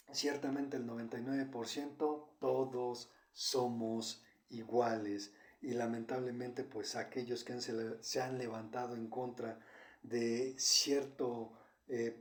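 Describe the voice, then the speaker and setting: A man giving a Bible study sermon, talking haltingly with many fillers and repeated words. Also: mid-range voice, dark tone. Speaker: Bible teacher. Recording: roomy echo.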